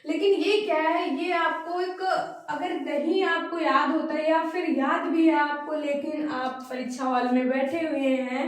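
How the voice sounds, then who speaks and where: High-voiced woman teacher in an echoey room. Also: distant mic. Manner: repeats and drills each word pair patiently. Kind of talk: Hindi grammar lesson for exam prep.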